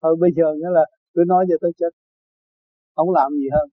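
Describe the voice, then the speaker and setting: A man's voice: on the high side, steady tone, quick pace, no room sound, narrow, tinny audio. An older man from Vietnam giving an informal spiritual talk, telling stories with frequent laughter and acting out the voices of others. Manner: storytelling, laughs often, acts out quoted voices. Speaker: spiritual teacher.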